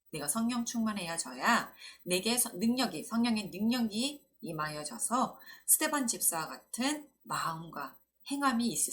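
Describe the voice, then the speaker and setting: A woman preaching to children in a Sunday school service, telling a bible story in a gentle storytelling manner and acting out the quoted lines. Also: medium pitch.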